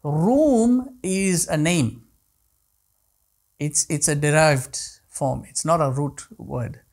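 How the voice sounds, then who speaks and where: A slow, slightly mellow, fairly high voice comes from a man in his thirties, a native Kutchi speaker. He's giving an online class lecture from a small indoor living room, answering questions and often restarting his explanations.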